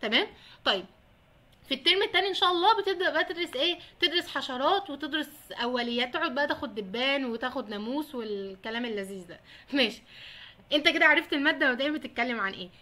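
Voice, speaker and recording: A woman's voice: high-pitched, lively intonation, rapid-fire, pushed and bright. A young woman with an Egyptian Arabic accent, a veterinary student giving chatty study advice straight to her viewers and laughing often. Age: young adult. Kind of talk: casual advice vlog.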